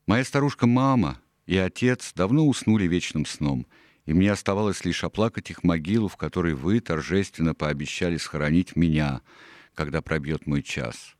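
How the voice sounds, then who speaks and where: Deep man reading an audiobook, calm and measured, dry close mic. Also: no room sound. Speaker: narrator. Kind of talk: audiobook narration.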